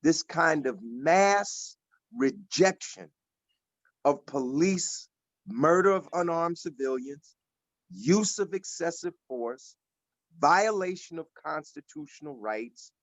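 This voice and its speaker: A man's voice: a little high, expressive, slow pace, dry recording. A man in his sixties speaking earnestly and emphatically in a casual discussion, often repeating words as he builds a point. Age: 60s. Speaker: panelist at an activist forum. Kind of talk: casual discussion on a video call. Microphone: video call. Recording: dull lo-fi video call audio.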